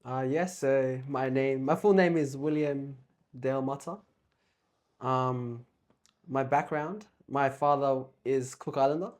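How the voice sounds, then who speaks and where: A young man from Australia, a guest in a casual chat, talking softly and hesitantly with many pauses and ums. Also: mid-range voice.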